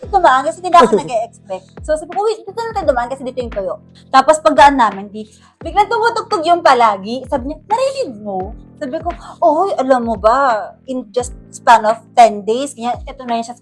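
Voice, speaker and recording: A woman's voice: sits high, fairly quick, soft background music. A young Filipino woman animatedly telling the story of her proposal, acting out what she said. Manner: animated, acts out her own quoted lines. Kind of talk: casual storytelling.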